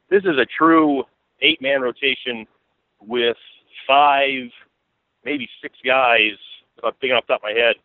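Heard through a tinny, narrow phone line without echo, a mid-range male voice belongs to an American sports beat writer. As a guest, he rambles through conversational sports analysis, saying things more than once to drive points home.

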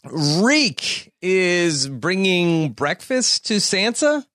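Slow-talking man, dry close sound. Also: sits high, big pitch swings, a bit bright, dry recording. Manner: unhurried, hesitant with fillers, recounts scenes. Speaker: podcast co-host. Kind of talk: casual chat.

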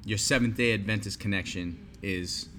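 A man's voice: fairly low pitch, steady tone, normal speed, over music. A man hosting an interview, chatty and candid, asking questions casually. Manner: chatty and candid, laughs easily. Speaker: podcast host. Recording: noisy recording.

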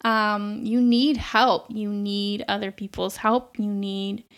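A woman's voice: medium pitch, little pitch movement, takes it slowly. A young adult woman, a nurse, talking in a reflective, chatty way on a podcast and often laughing. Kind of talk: casual podcast chat.

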